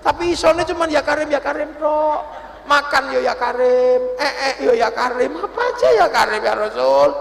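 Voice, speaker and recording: A simple village man pleads with tears in his voice, as a preacher puts him on. The voice sits very high with a gravelly edge. It rings through a long reverberant hall. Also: moderate pace, fairly bright tone, heavily acted. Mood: pleading. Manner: emotional, tearful pleading.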